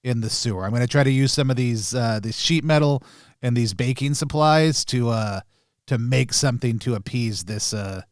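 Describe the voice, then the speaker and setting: A man's voice: mid-range voice, normal speed, no echo, clean studio sound. A man chatting casually as he improvises his part as a player in a tabletop role-playing game.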